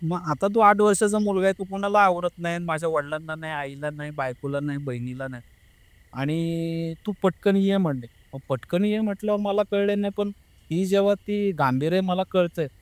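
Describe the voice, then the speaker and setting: A young man with a fairly high voice tells a tense personal story in an earnest, emotional way. He acts out the words of the people around him. The sound is dry and close, with no room echo. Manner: earnest, emotional, re-enacts family members' words. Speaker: guest telling a personal story. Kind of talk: casual interview storytelling.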